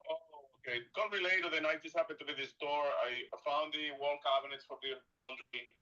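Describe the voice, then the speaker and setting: A man's voice: a little high, fairly even intonation, a little fast, sharp tone. A man heard over a speakerphone, a contractor giving brief, matter-of-fact answers in a casual phone call. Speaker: contractor calling about a remodel. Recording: dull lo-fi speakerphone audio.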